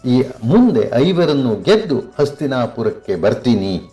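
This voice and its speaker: A man's voice: medium pitch, sing-song, unhurried, dark tone, soft background music. An older man voicing a proud, vengeful warrior king who boasts and vows revenge with rising emphasis. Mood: commanding. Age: 60s.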